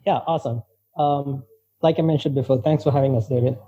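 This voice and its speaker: A man's voice: medium pitch, fairly even intonation, fairly quick, warm tone. A man from Sri Lanka, a guest in an interview, speaking hesitantly with many fillers. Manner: hesitant, many ums and likes. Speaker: guest, crypto company co-founder. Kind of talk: casual interview answers. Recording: dull, muffled call audio.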